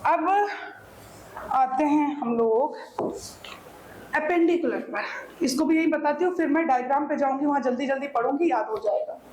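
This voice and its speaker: High-voiced Hindi-accented woman teaching in an echoey room. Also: normal speed, long pauses, darkish tone, slight background noise. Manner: checks understanding often, repeats answers; points to own body while explaining. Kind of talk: classroom lecture on the skeleton. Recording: echoey room, faint ambience.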